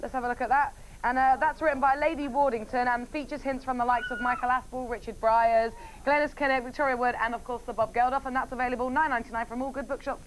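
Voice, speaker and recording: A young woman presents live breakfast TV in a high, quick voice. She is bubbly and enthusiastic, with faint noise in the background. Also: steady tone, low-quality recording. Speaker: breakfast TV co-host.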